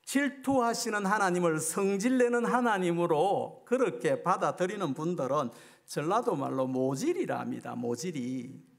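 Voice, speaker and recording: A man's voice: sits high, animated, normal speed, creaky. A middle-aged man preaching a sermon at a revival meeting, emphatic and firing rhetorical questions at the congregation.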